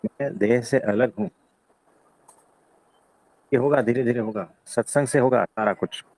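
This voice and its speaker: A man's voice: mid-range voice, a little slow, a little hiss or hum, low-quality recording. A man as a spiritual teacher answering questions in a satsang, explaining patiently and often checking in with his listener. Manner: calm, patient explaining with frequent "है ना?".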